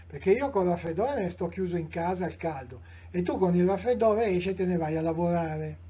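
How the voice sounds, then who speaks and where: Italian guy giving a live lecture, very husky dark voice, lots of eh and restarts, dull lo-fi recording. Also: high voice. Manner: measured, discursive, with frequent fillers and self-corrections; addresses listeners directly with rhetorical questions.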